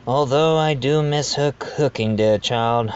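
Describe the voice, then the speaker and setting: A man's voice: medium pitch, measured pace, dull audio, slight background noise, close to an everyday voice. A man playing a genteel, blackmailing manor owner who confides in the listener in an amateur audio drama. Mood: fond. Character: blackmailing manor owner, self-aware, genteel adoptive father.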